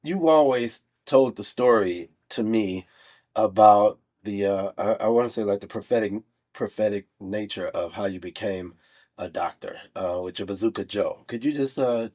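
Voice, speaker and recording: Male talk-show host, low voice, halting delivery as he looks for the right words. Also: darkish tone. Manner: hesitant, searching for words. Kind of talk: casual interview.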